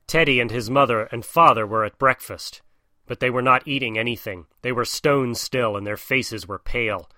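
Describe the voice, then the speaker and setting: A man narrating a storybook in an expressive, animated way. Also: medium pitch, no echo, studio quality. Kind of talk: storybook reading.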